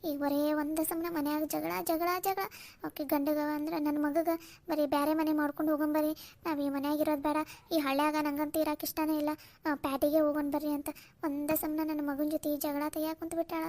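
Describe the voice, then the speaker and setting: A woman's voice: high-pitched, little pitch movement, a little fast, darkish tone, natural voice. A woman with a North Karnataka Kannada accent voicing a worried older village mother-in-law who complains plaintively. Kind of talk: cartoon voice acting.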